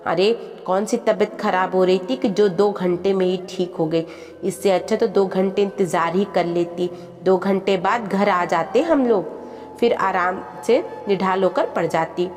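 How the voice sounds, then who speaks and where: A woman reading the part of an angry young wife who loudly scolds her mother-in-law in a storybook tale, with music and reverb behind. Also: medium pitch, a little slow, natural voice. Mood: scolding. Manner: loud, scolding. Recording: long reverb with background music.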